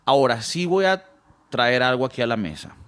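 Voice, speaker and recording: Podcast co-host, Venezuelan man, slangy and animated storyteller, casual chat. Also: mid-range voice, normal speed. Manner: animated, slangy, acts out quoted voices.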